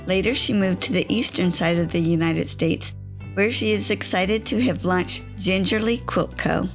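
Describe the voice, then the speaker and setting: A woman's voice: fairly low pitch, moderate pace. Podcast host woman, faint music behind. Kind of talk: scripted intro, then interview questions.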